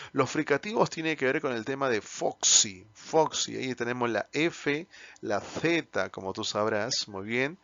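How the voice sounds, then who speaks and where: A man's voice: mid-range voice, a bit bright, no room sound. A man with a Peruvian Spanish accent, teaching an exam answer key in a lesson and often putting rhetorical questions to himself. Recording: dull, slightly lo-fi dry sound.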